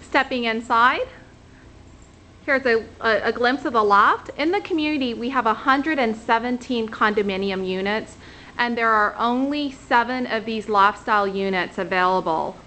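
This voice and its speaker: On the high side and sharp in tone, this woman speaks at a normal speed against slight background noise. She is a real estate agent in her thirties filming a handheld, upbeat walkthrough of a rental condo, first at the outdoor front door and then through the empty rooms one by one, pointing out details.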